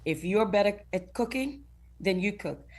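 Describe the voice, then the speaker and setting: A middle-aged woman from Guyana appears as a talk show guest in a casual interview chat. Her mid-range voice is expressive, a little mellow and at normal speed; she speaks earnestly, laughs often and acts out what others say.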